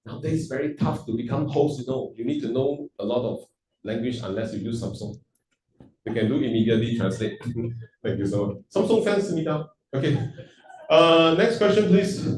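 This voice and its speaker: The event host here has a medium-pitched, animated, darkish voice at normal speed, joking and chatting as he runs a Q&A in an event hall and switches languages. Audio is poor, roomy, and far from the mic.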